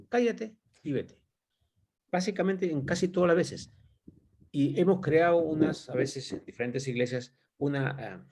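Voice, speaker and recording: A man's voice: fairly high pitch, a little mellow, a little hiss or hum. A man giving an informal Bible teaching, thinking aloud and asking rhetorical questions as he explains the passage.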